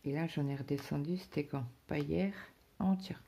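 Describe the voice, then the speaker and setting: A woman's voice: deep voice, moderate pace, gravelly, dark tone, slight background noise. A woman chatting casually to her viewers about her day, rambling, with many fillers and restarts. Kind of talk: casual personal chat to viewers.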